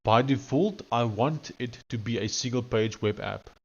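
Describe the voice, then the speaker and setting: A man's voice: medium pitch, moderate pace, creaky. Man with a thick Afrikaans accent, slightly dull mic. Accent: thick Afrikaans South African. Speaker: live streamer coding on screen. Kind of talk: casual live-stream chat mixed with dictated instructions.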